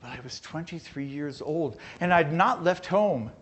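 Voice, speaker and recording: A man performing a first-person historical character, telling his story in an animated, wide-eyed way. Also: a little high, measured pace. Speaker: chautauqua performer.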